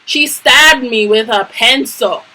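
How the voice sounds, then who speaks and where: A young adult woman vlogger telling a story in a lively, emphatic, slang-heavy casual way. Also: on the high side, takes it slowly, low-quality recording. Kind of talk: storytime vlog.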